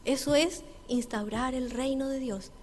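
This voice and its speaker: Female pastor, fairly high voice, earnest sermon delivery, long church reverb with faint room noise. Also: darkish tone. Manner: earnest, preacherly, slows for emphasis. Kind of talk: sermon with storytelling.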